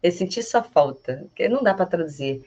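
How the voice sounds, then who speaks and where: A middle-aged woman from Brazil giving a casual online French lesson, chatty and animated, repeating French phrases slowly and laughing often. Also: lowish voice. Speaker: French teacher. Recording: slightly dull lo-fi sound.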